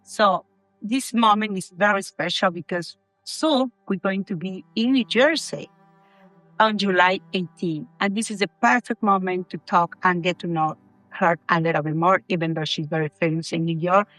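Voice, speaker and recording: A woman interviewer asking friendly, somewhat halting questions. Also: lowish voice, fairly bright tone, dry recording, faint music behind, low-quality recording.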